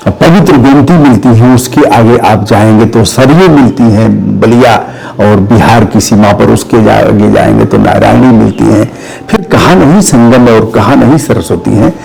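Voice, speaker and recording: A man from India, a journalist guest, giving emphatic, declamatory commentary in a gravelly, husky voice. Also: on the low side, a little mellow, low-quality recording. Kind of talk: impassioned commentary.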